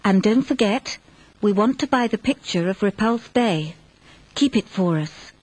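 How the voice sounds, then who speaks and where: A woman's voice: medium pitch, animated, unhurried, darkish tone, no echo, poor audio. A woman leaving a voicemail message over a landline phone in a scripted listening-test dialogue, upbeat and congratulatory.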